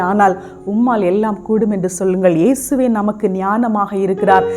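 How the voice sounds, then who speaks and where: A woman's voice: fairly high pitch, mellow. A woman giving a devotional sermon in Tamil, earnestly speaking straight to her listeners and asking them repeated questions. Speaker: preacher. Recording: music playing under the voice.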